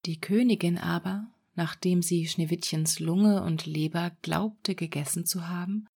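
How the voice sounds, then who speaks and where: A woman reading a fairy tale aloud in a soft, unhurried ASMR whisper. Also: fairly low pitch, gravelly, slightly rough. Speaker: storyteller.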